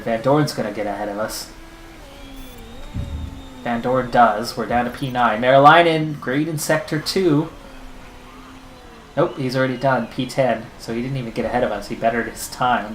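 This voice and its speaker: A man with an ordinary mid-range voice talks through his racing management game, fretting and pleading over lap times. The recording has a roomy echo and a faint hiss. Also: mid-range voice. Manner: anxious, pleading running commentary. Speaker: gaming channel host. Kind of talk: let's-play commentary.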